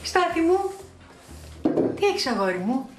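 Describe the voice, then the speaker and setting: A woman's voice: sits high, big pitch swings, over loud music. Woman playing a fussing, doting mother. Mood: soothing. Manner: soothing, fussing. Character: doting mother comforting her son. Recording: roomy echo.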